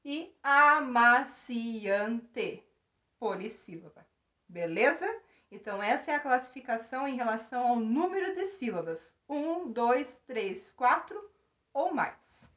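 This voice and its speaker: A woman's voice: a little high, highs cut off. A woman giving a grammar lesson, explaining step by step and asking the class questions. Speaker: teacher.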